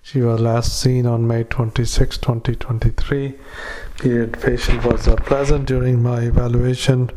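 Man dictating into a dictaphone, monotone. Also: mid-range voice, a little hiss or hum. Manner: halting, with frequent fillers and spelled-out words. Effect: dictaphone recording. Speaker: doctor. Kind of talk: medical dictation.

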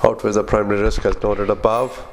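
Low, monotone man giving medical dictation. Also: gravelly. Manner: flat, halting delivery in clipped phrases. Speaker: clinician dictating patient notes. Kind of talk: medical dictation with spoken punctuation and commands.

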